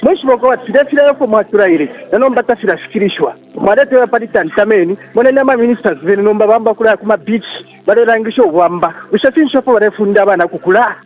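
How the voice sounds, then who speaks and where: A man phoning in to a radio show, complaining rapidly and insistently while mixing a local language with English. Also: high voice. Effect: phone line. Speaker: radio call-in caller. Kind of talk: caller speaking on a phone line to a radio show. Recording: tinny phone-line call-in audio.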